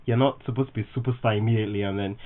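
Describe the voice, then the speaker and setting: A man co-hosting a music podcast, chiming in with quick agreement in casual chat. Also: lowish voice, steady tone. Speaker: podcast co-host. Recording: narrow phone-like sound.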